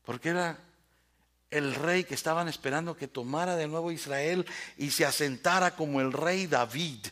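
A man's voice: on the high side, normal speed, a bit bright. A male pastor preaching a sermon with dramatic swings, who asks rhetorical questions and speaks directly to the congregation. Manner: addresses listeners directly and by name.

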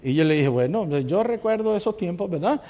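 A male pastor preaching a sermon with lively energy, often asking the congregation questions and telling personal anecdotes. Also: sits high, brisk. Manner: animated, asks the congregation questions, tells anecdotes. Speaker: pastor and counselor.

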